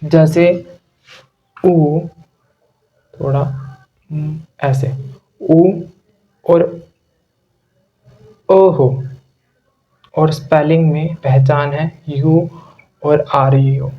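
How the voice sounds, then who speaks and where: Slow, even-voiced male pronunciation teacher. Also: on the high side, highs cut off. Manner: slow, drawn-out teaching with sounds repeated and checking questions. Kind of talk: spoken video lesson.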